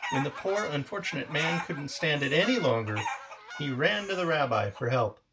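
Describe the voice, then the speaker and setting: A male pastor reading a children's story aloud in an expressive, lively way. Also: on the high side, normal speed, background noise.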